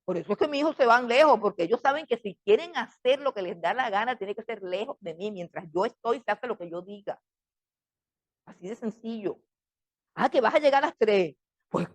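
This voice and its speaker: A woman's voice: medium pitch, animated, fairly quick. A middle-aged woman teaching a Bible class in a fiery preaching style. She scolds with emphatic repetitions and keeps firing off rhetorical questions.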